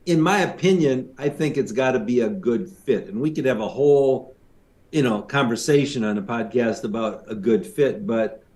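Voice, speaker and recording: A man's voice: mid-range voice, normal speed, darkish tone. Man with a mid-range voice, easygoing podcast chat. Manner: conversational, many fillers, affirming "yeah". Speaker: podcast co-host, consultant.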